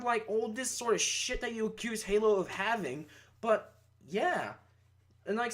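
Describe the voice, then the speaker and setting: Young guy ranting about games, kinda high voice, swings up and down a lot, swears. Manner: rambling, swearing, animated outbursts. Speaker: gaming YouTuber. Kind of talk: casual opinion rant.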